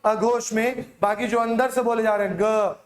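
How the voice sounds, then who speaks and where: A man's voice: sits high, steady tone, moderate pace, roomy sound. A male Hindi teacher giving an exam-prep lecture, drilling students by asking questions and answering them himself.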